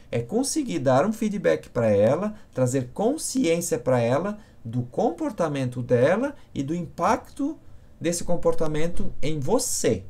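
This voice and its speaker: A man with a fairly high-pitched, darkish voice teaches communication on a live stream. He answers viewers by name and frequently checks in with short questions.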